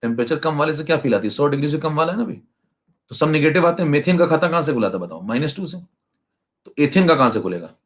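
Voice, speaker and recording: A young male chemistry teacher giving an online class lecture, brisk and teasing, now and then mimicking slow students. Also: on the high side, animated. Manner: brisk, teasing, acts out lazy students in asides.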